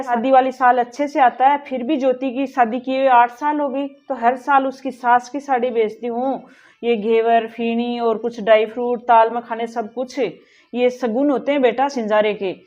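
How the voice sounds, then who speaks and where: Casting a sulky reproachful mother-in-law, high pitched, played by a woman, dull lo-fi sound with faint music behind. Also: a little mellow, lightly acted. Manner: complaining, reproachful, scolding. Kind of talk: family drama acting.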